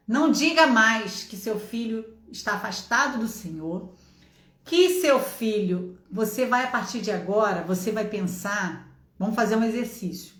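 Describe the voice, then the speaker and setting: A middle-aged woman with a Brazilian accent preaches with fervor and exhortation. Her voice sits a little high. Her home office gives it a noticeable echo. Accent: Brazilian Portuguese. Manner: passionate, exhorting, acts out shouts and dialogue. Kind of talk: sermon with personal testimony.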